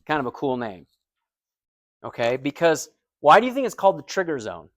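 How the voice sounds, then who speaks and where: In this recorded anatomy and physiology lecture, an American man keeps things conversational, explaining through everyday comparisons and checking in with his students. His slightly high voice is very animated and brisk, and the recording is dry.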